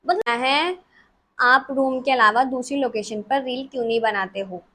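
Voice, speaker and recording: A woman's voice: sits high, moderate pace, pushed and bright. A woman of twenty, chatting casually as a vlogger answering follower questions in her bedroom, giggly and self-mocking. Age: 20s. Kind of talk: casual chat.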